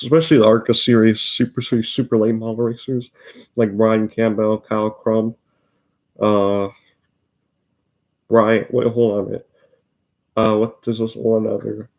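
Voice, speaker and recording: A man's voice: fairly low pitch, vocal fry, darkish tone. A teenage boy with an Upper Midwest American accent hosts a casual vlog about short-track racing. He rambles loosely, stops himself mid-sentence, and leans on "like" and "um". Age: teens. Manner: rambling, loose, many filler words, self-interrupting. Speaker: racing channel host.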